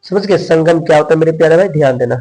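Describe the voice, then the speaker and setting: A man's voice: a little high, racing, warm tone, low-quality recording. A young man teaching Hindi grammar in a coaching-class lecture. He repeats each point, quizzes his students and keeps calling them his dear brothers.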